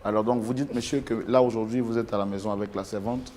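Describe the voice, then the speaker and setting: A man playing a mediator who calmly and formally tries to settle a couple's quarrel, speaking. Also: fairly low pitch, a little hiss or hum, close to an everyday voice. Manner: calm, formal, measured. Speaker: mediator on a couple-counseling show.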